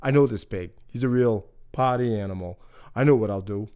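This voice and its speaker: A man voicing a sly, scheming big bad wolf who coaxes and wheedles in a fast-talking way, as part of a live folk-tale telling. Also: on the low side, mellow, smooth, close to an everyday voice.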